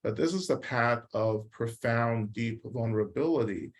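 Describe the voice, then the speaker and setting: A man leads a dharma talk at a middle pitch. He explains patiently and reflectively, and he keeps asking his listeners "right?" as he goes. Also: unhurried. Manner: reflective, explanatory, frequent "right?" check-ins. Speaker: Buddhist teacher. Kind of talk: dharma talk answering questions.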